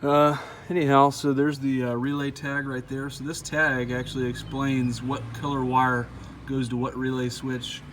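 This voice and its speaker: This mid-range, moderately paced voice belongs to a truck owner walking through an install outside, speaking with hardly any pauses. He's relaxed and folksy, full of "uh" fillers, and there's slight background noise.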